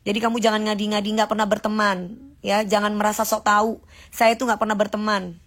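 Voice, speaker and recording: A woman's voice: mid-range voice, level tone, brisk, a bit bright. A woman, ranting casually and mockingly to viewers on a livestream. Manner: sassy, combative, mocking. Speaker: livestream host.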